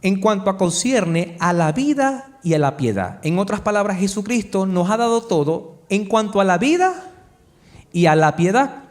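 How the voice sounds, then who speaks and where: A male pastor delivers a sermon in a church hall, his voice sitting fairly high for a man. He keeps the congregation involved with call-and-response questions and slows right down on the words he wants to land. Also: big pitch swings. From Chile. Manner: call-and-response preaching, asks the congregation to answer; stretches key words slowly for emphasis.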